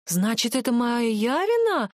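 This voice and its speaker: A meek middle-aged mother answers hesitantly, mumbling her words, voiced by a woman reading the story. Her voice is slightly high and the recording is dry and close. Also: sing-song, a little slow, no echo. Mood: timid.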